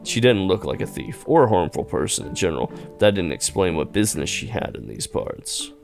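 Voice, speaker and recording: A man's voice: low voice, sing-song, gravelly, soft background music. A young man playfully reading game narration aloud while streaming. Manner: playful, quick to laugh.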